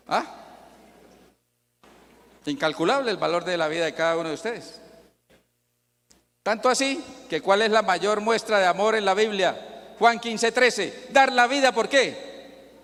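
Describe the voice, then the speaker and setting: A man with a fairly high voice preaches a sermon in a church, firing rhetorical questions at the congregation and answering them himself. He cites chapter and verse throughout. His voice carries a long reverb from the big hall. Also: fairly bright tone.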